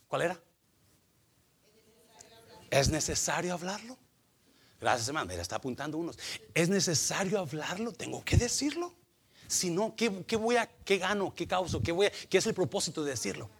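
A man preaches a sermon with a high, gravelly voice. He talks in an animated way, firing off rhetorical questions and slipping in English fillers. His pitch swings all over as he goes. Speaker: pastor.

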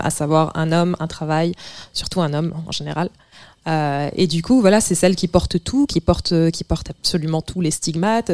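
A woman's voice: lowish voice, darkish tone, dry recording. A woman author answering interview questions, thoughtful, searching for words. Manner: thoughtful, many fillers and restarts. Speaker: author and guest.

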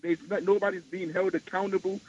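A man's voice: sits high, level tone, fairly quick, slightly rough. Impassioned man calling in by phone. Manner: impassioned, emphatic, repetitive. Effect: heard over the phone. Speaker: radio call-in caller. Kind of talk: call-in talk radio. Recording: dull phone line with faint hiss.

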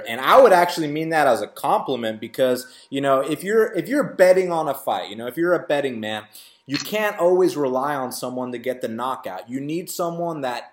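Roomy-sounding male interviewer. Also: medium pitch. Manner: conversational, builds up long questions. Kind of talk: interview questions. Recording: roomy echo.

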